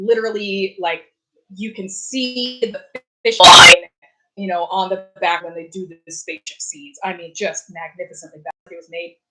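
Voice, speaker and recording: A woman's voice: mid-range voice, bright, forceful tone, rough recording. A young adult woman hosting a casual live stream from her apartment, chatting in a rambling way with many fillers and restarts. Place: warm apartment.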